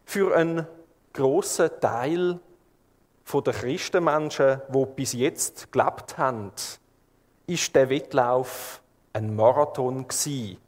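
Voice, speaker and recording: A man with a Swiss German accent preaching a sermon to his congregation, calm and measured, painting scenes vividly as he speaks. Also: medium pitch, in a large hall.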